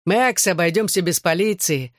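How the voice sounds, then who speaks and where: A reader as a relaxed, joking young man who keeps things light. The voice sits near the plain narration, recorded dry and close. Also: medium pitch, normal speed, no echo, close to an everyday voice. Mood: cheerful. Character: cheerful easygoing young male friend.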